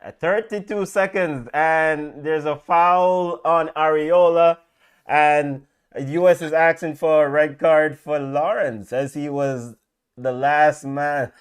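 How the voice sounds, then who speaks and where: A man co-hosting a football watch-along, calling lineups and play in a lively casual way with many fillers. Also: a little high, slow pace, smooth.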